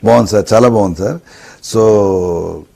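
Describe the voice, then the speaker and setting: A man's voice: fairly low pitch, moderate pace, gravelly, mellow. A man interviewing in a deferential, agreeable manner, often answering with a respectful sir. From India. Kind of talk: casual chat.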